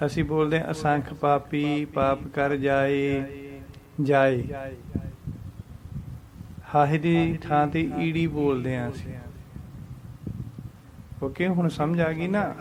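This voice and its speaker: A man teaching scripture pronunciation, patiently chanting verses slowly and explaining them. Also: a little high.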